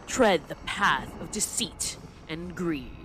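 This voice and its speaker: A woman's voice: lowish voice, a bit bright, a little hiss or hum. A woman reading a spooky folktale aloud in a theatrical storybook style. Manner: theatrical, old-fashioned storybook diction. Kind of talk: dramatic storytelling.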